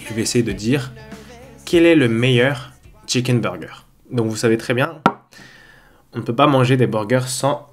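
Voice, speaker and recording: With faint music behind him, a man of medium pitch speaks at normal speed, pausing often, his nose stuffy and blocked from a cold. He hosts a mukbang food review vlog at home, chatting casually and a bit hesitantly to camera.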